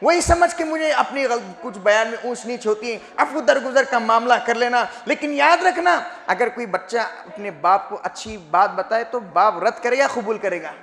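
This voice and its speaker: A young man preaching a Friday sermon in a mosque, impassioned and rising often into shouts. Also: very high-pitched, animated, moderate pace, hardly any pauses. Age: young adult. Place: mosque hall. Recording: echoey hall reverb.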